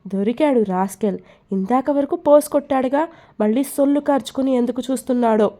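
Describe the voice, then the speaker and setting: A woman playing a proud young heroine in a storybook romance, quick to anger and sharp-tongued. The voice is a touch high with a mellow, soft tone. She snaps back with indignant force. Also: natural voice. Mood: angry.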